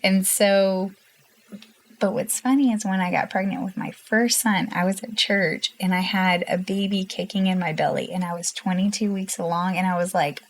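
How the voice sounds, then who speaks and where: A woman's voice: medium pitch, steady tone, normal speed. A woman guest in an interview, telling her story in an earnest, emotional way and laughing often. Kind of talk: candid personal interview.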